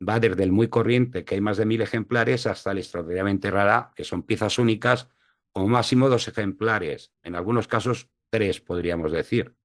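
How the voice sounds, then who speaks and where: Low-voiced hesitant male lecturer. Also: normal speed. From La Mancha, Spain. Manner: hesitant, many fillers. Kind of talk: online lecture. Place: home, video call. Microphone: video call mic.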